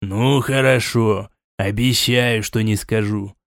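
A man's voice: fairly low pitch, fairly even intonation, takes it slowly, no room sound, studio quality. Man doing a stern, scolding old prince. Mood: suspicious. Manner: scolding, sighing, sarcastic. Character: stern older male prince, suspicious and weary.

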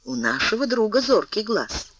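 A man voicing a scheming male bishop who speaks softly but commandingly. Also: sits high, big pitch swings, normal speed, no echo, highs cut off, pitched above the performer's own voice, full character voice. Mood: urgent. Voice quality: soft, hushed, urging.

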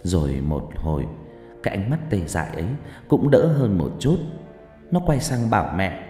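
A man's voice: deep voice, normal speed. Man narrating a horror story, echoey. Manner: dramatic, lively delivery. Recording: echoey long reverb, faint music.

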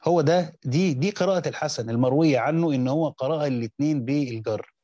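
Fast and warm, on the higher side, a man with an Egyptian accent reads classical commentary and explains it in a teaching style as an instructor of Quranic exegesis. The recording has no echo, and he restarts mid-phrase frequently.

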